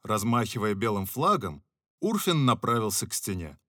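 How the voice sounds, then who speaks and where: Male audiobook narrator, mid-pitched, animated delivery, dry close recording. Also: moderate pace, no room sound. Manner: lively expressive reading.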